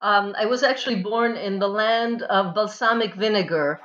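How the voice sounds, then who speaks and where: A woman's voice: medium pitch, normal speed, fairly bright tone. A woman from Italy speaks as a guest on a podcast interview. She talks thoughtfully, with frequent fillers and restarts. The audio sounds a little dull and lo-fi. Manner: thoughtful, many ums and restarts. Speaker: history professor, guest author.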